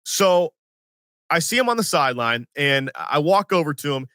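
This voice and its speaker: Bright-voiced man in his forties telling stories. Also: on the high side, normal speed, dry recording, studio quality. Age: 40s. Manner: animated, self-mocking storyteller who acts out quotes. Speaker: podcast host. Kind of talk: casual sports podcast storytelling.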